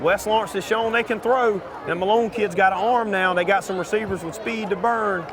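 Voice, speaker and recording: A man's voice: high-pitched, fairly quick. A man giving live commentary on a local football game. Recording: very noisy outdoor game, loud crowd.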